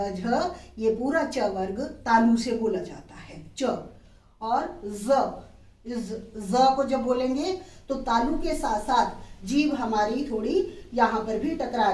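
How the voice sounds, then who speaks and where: A middle-aged woman teaching a grammar lesson, slowly sounding out word pairs and checking that students follow. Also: fairly high pitch, darkish tone, far from the mic. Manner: slow, drawn-out word-by-word pronunciation drills; checks in with students, asking "clear?". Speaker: Hindi teacher. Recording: echoey room, voice away from the mic.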